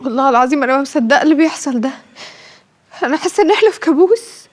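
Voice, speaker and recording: Grieving egyptian woman, high voice, rushing words. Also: animated. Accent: Egyptian Arabic. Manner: tearful, lamenting. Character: grieving young widowed mother, distraught.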